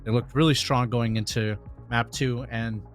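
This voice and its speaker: A man's voice: mid-range voice, fairly even intonation, normal speed, soft background music. A man giving conversational tactical analysis as an esports analyst.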